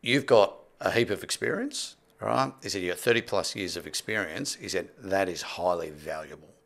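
Seated at a close boom-arm mic with headphones in a small podcast studio, this man in his sixties, a property development expert, shares stories as an interview guest in an emphatic, conversational way. His voice is low-pitched and expressive, with vocal fry, a bit of brightness, and a normal speed.

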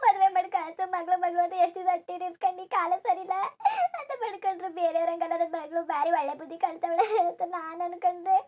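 Cartoon: a woman doing a shrill, fast-talking village mother, bitter and lamenting. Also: little pitch movement, muffled recording. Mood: scolding. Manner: lamenting, scolding, sobbing in bursts. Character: grieving village mother, middle-aged, bitter and wailing. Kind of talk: cartoon dubbing.

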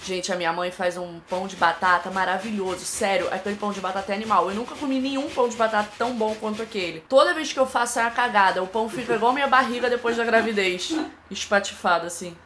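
A woman's voice: medium pitch, fast, hardly any pauses, background noise. A woman in her thirties chatting casually and joking at her own expense in a cooking vlog, filming herself with a phone at arm's length in a home kitchen. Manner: chatty, joking, self-mocking. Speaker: vlogger. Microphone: phone held at arm's length.

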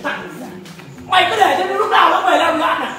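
A man, the keeper of a temple, shouting, cursing and ordering someone out in a heated argument. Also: extremely high pitch, a little fast, a little hiss or hum. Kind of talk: heated real-life argument. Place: large temple hall. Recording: echoey hall, faint crowd.

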